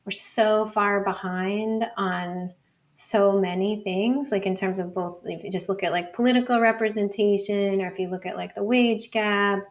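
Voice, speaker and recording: A female academic, interviewed as a podcast guest, keeps things informal and sprinkles in "like" and "you know" as she makes her points. Her voice is medium-pitched, steady, and moderately paced.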